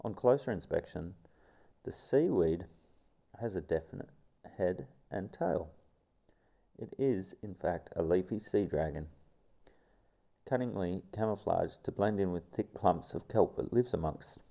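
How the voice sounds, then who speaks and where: Low gravelly guy doing nature documentary narration, kinda dark mellow voice. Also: animated, a little slow, pauses often. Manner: stumbles over words and scientific names. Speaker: video host.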